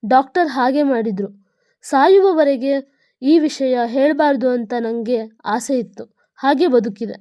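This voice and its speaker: A woman's voice: high-pitched, unhurried, warm tone, no room sound, clean studio sound. A woman voicing a dying old mother who pleads tenderly with her son in a letter. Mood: tender, pleading.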